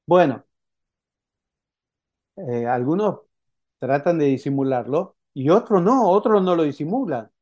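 A man preaching with a Rioplatense Spanish accent, his voice sitting a bit higher than most men's. The tone is mellow and dark rather than bright. He talks to the congregation conversationally and keeps checking in with a quick "eh?". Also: muffled recording. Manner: conversational preaching with frequent "¿eh?" tags and acted quotes. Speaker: pastor. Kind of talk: sermon.

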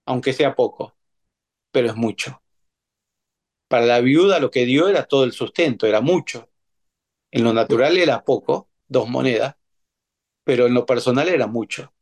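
A man's voice: mid-range voice, normal speed, pauses often, a little mellow. A man preaching a sermon in an emphatic way, repeating phrases and asking his congregation rhetorical questions.

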